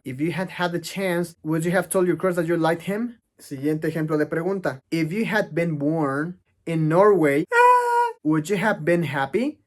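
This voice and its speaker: A man teaching English grammar, explaining step by step and answering his own questions. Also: on the high side. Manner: explanatory, asks questions and answers them himself.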